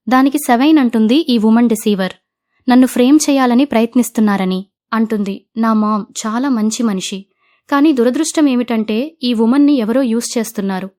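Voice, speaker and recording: A woman retelling the plot of a fantasy drama, quoting each character in her own steady narrating voice. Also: fairly high pitch.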